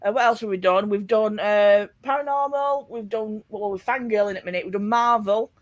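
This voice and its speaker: A woman, from near Sheffield, chats casually in a live stream, gushing with animated enthusiasm. Her voice sits at an ordinary middle pitch. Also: a little fast, highs cut off, crowd noise. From Sheffield area, England. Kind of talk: casual chat.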